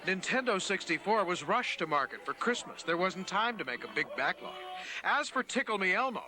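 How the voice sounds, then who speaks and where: A man's voice: high-pitched, very animated, fairly quick, sharp tone, faint music behind. An American man narrating a scripted television news report as a correspondent, in the manner of a news anchor. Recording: clear background noise, 1990s TV news report.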